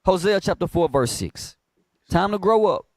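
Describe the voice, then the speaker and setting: Male Bible teacher in preaching mode, slightly high voice, dry close sound, big shifts between hushed and shouted lines. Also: expressive, moderate pace, no room sound. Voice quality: call-and-response delivery, prompting a reader. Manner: swings from low, quiet asides to loud, high emphatic bursts.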